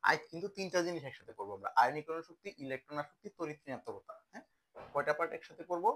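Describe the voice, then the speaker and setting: A man's voice: fairly high pitch, big pitch swings, rapid-fire, a bit bright. A young man teaching a chemistry lesson in a casual style, often asking a question and then answering it himself. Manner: conversational, asks questions and answers them himself. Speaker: chemistry tutor.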